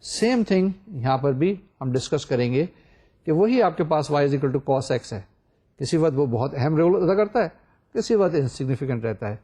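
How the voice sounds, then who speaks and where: A man's voice: a little high, animated, dark tone, breathy edge. An older man giving a recorded university lecture, explaining step by step and asking the class rhetorical questions.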